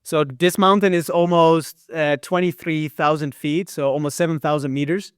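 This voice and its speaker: Dutch man, slightly american accent, fairly high voice, smooth, dry sound. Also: steady tone, moderate pace, dry recording. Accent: Dutch, partly American. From Netherlands. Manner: many fillers and repeated words. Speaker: guest filmmaker and hiker. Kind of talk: casual interview storytelling.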